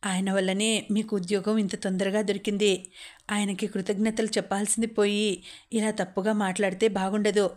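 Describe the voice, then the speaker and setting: A caring young wife who apologizes and comforts her husband, as a woman narrator voices her. Her speech is soft and soothing, with a middle pitch kept flat and level, in an audiobook story. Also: moderate pace, natural voice. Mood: pleading. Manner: soothing, pleading.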